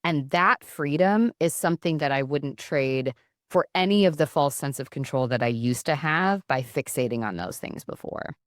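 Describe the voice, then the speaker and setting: A woman's voice: low voice, lively intonation, moderate pace, dry recording, studio quality. A middle-aged woman, a counsellor, talking earnestly and reflectively as a podcast guest. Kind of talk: casual podcast conversation.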